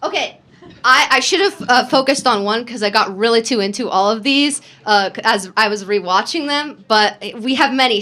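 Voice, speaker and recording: A young American woman doing a chaotic stand-up set with slides, rambling with quick asides and self-corrections into a stage mic at a small comedy venue. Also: on the high side, pushed and bright. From United States.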